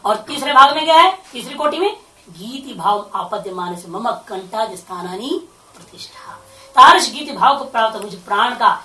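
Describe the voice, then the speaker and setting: With a fairly high, pushed, bright voice, a woman spiritual teacher explains Sanskrit scripture phrase by phrase, line after line, tossing out rhetorical questions. The recording is distant and echoey.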